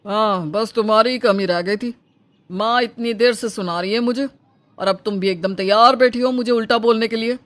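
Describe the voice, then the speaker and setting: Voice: medium pitch, moderate pace, a bit bright, dry recording, natural voice. A performer voicing an exasperated young husband in a cartoon who defends himself against his mother and wife. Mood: defensive. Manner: defensive, complaining.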